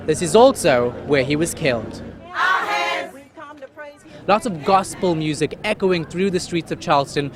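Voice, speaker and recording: A news presenter and reporter delivering news reports and putting questions. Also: medium pitch.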